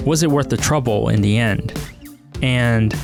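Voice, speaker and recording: A man's voice: mid-range voice, measured pace, gravelly, over music. A man hosting a podcast, narrating in a scripted, wry and self-deprecating way. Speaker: podcast host.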